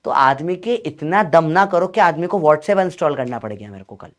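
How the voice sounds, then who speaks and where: Male coaching teacher, high pitched, teasing and scolding, lecture style. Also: expressive, moderate pace. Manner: scolding, joking, calls students beta. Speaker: physics teacher.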